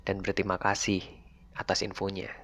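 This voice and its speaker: Low-voiced man telling a horror story. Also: monotone, fairly quick, gravelly, fairly bright tone, slight background noise. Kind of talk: casual horror story narration. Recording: faint music underneath. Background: faint background music.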